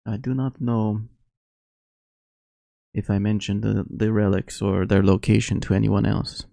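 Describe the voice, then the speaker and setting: A man voicing a kindly older male priest in a tabletop game, earnest and halting. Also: lowish voice, flat delivery, vocal fry, dark tone, no echo, studio quality.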